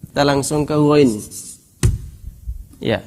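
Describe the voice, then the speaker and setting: Man teaching Quran recitation slowly. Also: fairly high pitch, steady tone, darkish tone, slight background noise. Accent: Indonesian. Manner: explains, then recites examples slowly and repeats them. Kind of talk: tajwid lesson with chanted examples.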